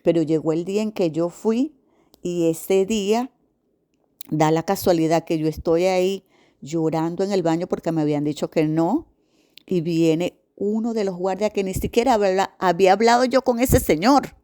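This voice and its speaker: A middle-aged woman with a Venezuelan accent tells her personal testimony in a warm, mellow voice. She tells it animatedly and acts out the people in her story. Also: on the low side, normal speed. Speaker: testimony giver.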